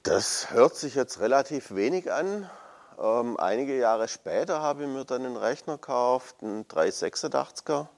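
A man's voice: mid-range voice, expressive, normal speed, creaky. A man in his fifties in a casual, rambling chat about old computers, hesitant and full of fillers.

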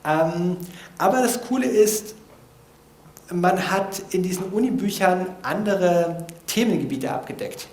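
A man with a notably high voice gives a relaxed, informal talk in front of an audience. He jokes at his own expense and drops slangy asides. The sound carries a roomy echo from the hall. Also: measured pace. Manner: lively, casual and self-mocking, with slangy asides. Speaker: speaker giving a talk on language learning.

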